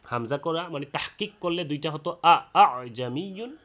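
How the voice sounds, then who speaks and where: A man explains Quran recitation rules slowly in a spoken lesson, hesitating often with fillers and chanting the example words. His voice is on the high side with a fairly bright tone.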